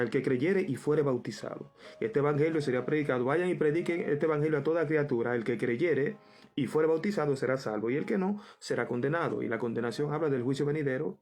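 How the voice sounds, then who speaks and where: A man's voice: mid-range voice, darkish tone. A man preaching a Bible study, reading verses aloud and repeating them for emphasis while calling the listeners brother.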